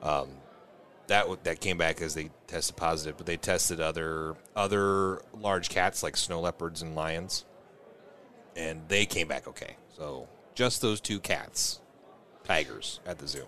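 A man's voice: low voice, unhurried, sharp tone. A man co-hosting a podcast from a bar, telling loose, jokey stories and swearing freely. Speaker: podcast co-host. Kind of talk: casual bar chat.

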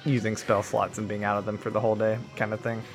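A man playing a tabletop game, describing his character's moves in a relaxed, hesitant way. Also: on the low side, fast, over music. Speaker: player.

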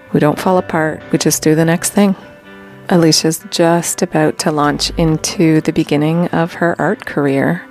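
Low, gravelly woman hosting a podcast. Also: a little mellow. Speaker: podcast host. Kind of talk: scripted podcast intro.

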